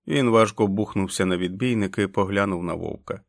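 Man with a lowish voice reading a novel out loud, dramatic, dry studio sound. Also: fairly quick, vocal fry, no echo. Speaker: audiobook narrator. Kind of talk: audiobook narration.

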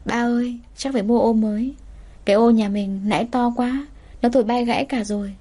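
A woman voicing a poor, gentle thirteen-year-old girl who talks politely and pleads through sobs. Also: a little high, fairly even intonation, brisk, close to an everyday voice. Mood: gentle chatter. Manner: polite, pleading, sobbing cries.

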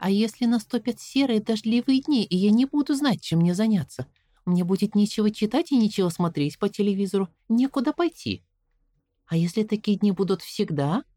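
Woman doing a high-voiced stubborn little girl, pushes back hard, storybook. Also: animated, fairly quick, warm tone, no echo, studio quality, close to an everyday voice. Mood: worried asking. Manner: indignant, questioning, defiant. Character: Coraline, clever stubborn young girl.

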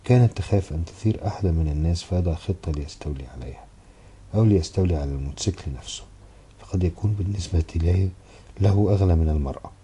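A man narrating a novel in the first person, with a steady, measured literary reading. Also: sits low, breathy edge. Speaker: audiobook narrator.

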